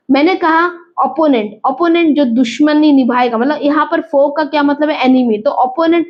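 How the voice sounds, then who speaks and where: A woman teaching an exam vocabulary lesson, explaining slowly, repeating words and asking and answering her own questions. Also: high-pitched, dull audio. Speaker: English teacher.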